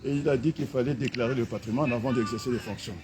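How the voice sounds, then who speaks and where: A middle-aged man from the Republic of the Congo. He gives an impassioned, mocking political rant outdoors, filmed on a camera held by a companion, with sudden loud outbursts. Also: mid-range voice, fast talker, a crowd in the background. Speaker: political activist.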